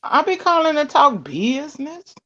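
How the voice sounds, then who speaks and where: A woman's voice: sits high, very animated, moderate pace, crowd noise. A woman calling into a casual livestream chat, teasing the host in a sassy way. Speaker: guest on a call. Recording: dull lo-fi call audio.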